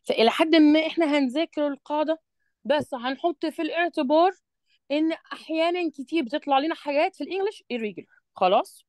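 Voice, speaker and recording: In a dry recording, a woman with an Egyptian Arabic accent gives a one-on-one English revision lesson. Her voice is high and slightly mellow, and she reads English sentences slowly and deliberately, explaining patiently and often checking that her student understands.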